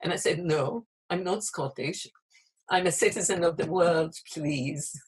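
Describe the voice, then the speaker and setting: A woman's voice: fairly low pitch, unhurried, breathy edge, poor audio. An older woman, a retired social worker from Palestine, speaking wryly and firmly about her life. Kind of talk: personal testimony.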